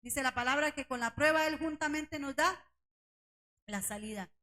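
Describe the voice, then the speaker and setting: Woman teaching bible study at church, high voice, keeps asking the brothers questions, gets loud and forceful on key lines. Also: normal speed, rough recording. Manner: questions the congregation and calls them brothers; voice rises to near shouting on key points.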